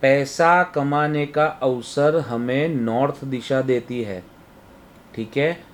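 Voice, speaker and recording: A male webinar teacher with a medium-pitched voice, explaining each point patiently and step by step. He keeps checking in with his listeners by asking whether they follow. His tone is that of a lecture given to students. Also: takes it slowly. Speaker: Vastu teacher.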